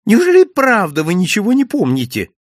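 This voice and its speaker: A man voicing a chatty, jovial male village innkeeper in an audiobook, pitching his voice up and sounding excitable. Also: fairly quick, dry recording, clean studio sound, full character voice. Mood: gossipy.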